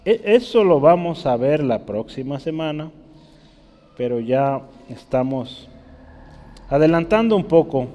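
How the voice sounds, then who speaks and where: A man's voice: a little high, animated, measured pace, warm tone, dull audio. A man preaching a sermon as a pastor, teaching and checking often whether his listeners follow. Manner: teaching, asks the congregation frequent checking questions. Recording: long hall reverb.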